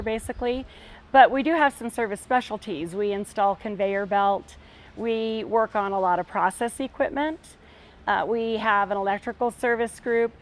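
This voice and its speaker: A woman from an industrial contractor speaking plainly in an interview. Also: mid-range voice.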